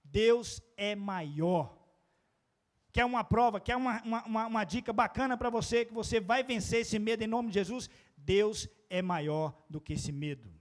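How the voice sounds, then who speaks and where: Man, Brazilian Portuguese accent, pastor, high-pitched, casual sermon, playful storytelling, quiet asides and loud peaks. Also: brisk. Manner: swings between quiet asides and loud, rising exclamations; storytelling with playful quoted voices and sound effects.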